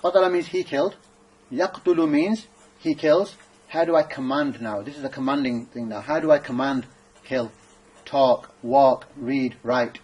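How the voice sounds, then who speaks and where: A man's voice: medium pitch, moderate pace, a little mellow, husky, rough recording. A man teaching an Arabic grammar class, thinking aloud and checking in with his students. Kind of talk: classroom lesson.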